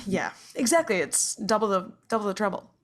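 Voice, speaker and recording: A woman's voice: medium pitch, very animated, fairly quick. A woman co-hosting a podcast over a video call, chatting casually in a bubbly, giggly way. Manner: bubbly and giggly, says she is on a roll. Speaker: podcast co-host.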